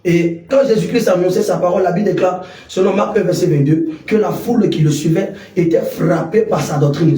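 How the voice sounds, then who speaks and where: High-voiced man preaching on radio. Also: dark tone. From Côte d'Ivoire. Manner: declamatory, repeats alleluia. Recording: echoey room, voice a bit far from the mic.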